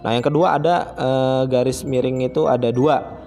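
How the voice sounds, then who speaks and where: Man, primary school teacher, online lesson for children, friendly, chatty, mid-pitched voice. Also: fairly even intonation, normal speed, mellow, faint music behind. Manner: chatty, friendly, often starts phrases with a filler.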